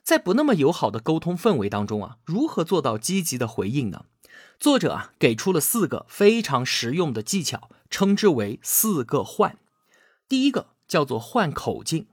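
Husky, lively man explaining a book. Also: fairly high pitch, dry recording, studio quality. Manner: explanatory, acts out quoted lines; frequent drawn-out filler particles. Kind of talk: scripted narration.

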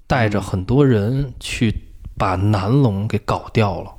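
A man's voice: lowish voice, measured pace, a little mellow. A man with a Beijing accent explaining things in casual talk as a feng shui expert, emphatic, repeating phrases and answering his own questions.

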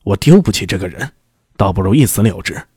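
A man voicing a proud, furious middle-aged father who blusters and makes gruff threats in a lowered voice. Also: animated, brisk, mellow, no room sound, studio quality.

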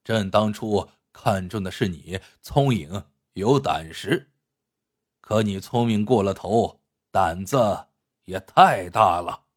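A man voicing a stern, cold older emperor who is also a grieving father, speaking slowly and heavily in a low voice. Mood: cold mocking. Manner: slow, heavy, low delivery.

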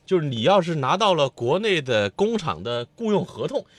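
A man's voice: a little high, big pitch swings, normal speed, no room sound. A man co-hosting a history podcast, explaining background in a casual conversational way. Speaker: podcast co-host.

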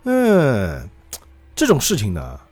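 A man's voice: mid-range voice, huge pitch swings, slow pace, darkish tone, husky, heavily acted. A man voicing a sadistic grown man who gloats over bullying children, in a smug, sneering manner.

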